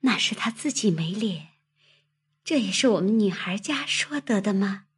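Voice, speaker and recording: Timid young servant girl, woman putting her on, hushed and soft, a bit husky. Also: medium pitch, slow. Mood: hushed shy. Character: shy young maidservant girl, flustered and modest.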